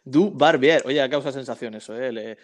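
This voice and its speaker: A man's voice: medium pitch, fast. A man co-hosting a casual football chat, telling anecdotes and often tagging his sentences with questions. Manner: chatty storyteller, frequent tag questions. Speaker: podcast co-host.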